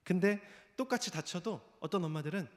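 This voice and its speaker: A man's voice: high voice, animated, brisk. A man preaching a sermon, telling a story and acting out the voices of the people in it. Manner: storytelling, acts out quoted voices. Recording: long reverb of a church hall.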